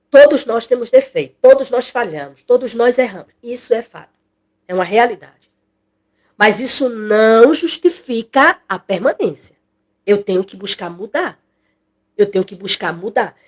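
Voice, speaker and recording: A woman teaching an expository Bible study in a conversational way, repeating phrases and acting out what people say. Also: fairly high pitch.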